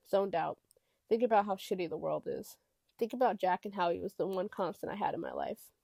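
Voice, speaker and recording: A woman narrating a chapter of an audiobook in the first person, in a quiet, reflective way. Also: on the low side, creaky, dry recording.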